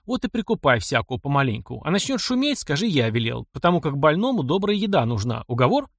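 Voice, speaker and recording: A man's voice: a little high, sing-song, quick pace, dry recording, studio quality. Man voicing a blunt young engineer. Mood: earnest. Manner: plainspoken, direct.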